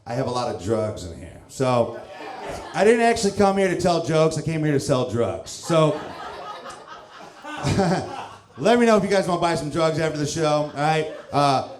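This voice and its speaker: A man's voice: on the high side, sing-song, moderate pace, reverberant. Laid-back man in his thirties doing stand-up. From St. Louis, Missouri, USA. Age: 30s. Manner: loose, self-mocking, chuckles through lines. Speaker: stand-up comedian. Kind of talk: stand-up comedy set. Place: comedy club stage.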